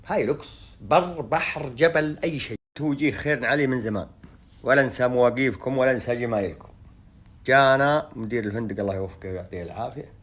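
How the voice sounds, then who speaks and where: A man's voice: mid-range voice, fast, a bit bright, slightly rough. A man with a Gulf Bedouin Arabic accent, chatting casually to his followers as a vlogger in a colloquial, jokey storytelling way. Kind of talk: casual vlog chat to followers.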